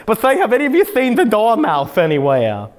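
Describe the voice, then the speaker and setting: A man's voice: high voice, huge pitch swings, brisk. A man switching into an impression voice, playing a giddy, whimsical Mad Hatter with giggly, theatrical delivery. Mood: whimsical, welcoming. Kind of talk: live character impression. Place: large indoor hotel function room.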